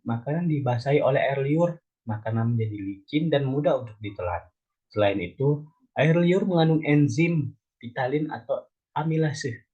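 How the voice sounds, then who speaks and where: A man's voice: medium pitch, darkish tone, breathy edge, highs cut off. A young man from Indonesia teaching an elementary school biology lesson, explaining step by step and putting questions to the children. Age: young adult.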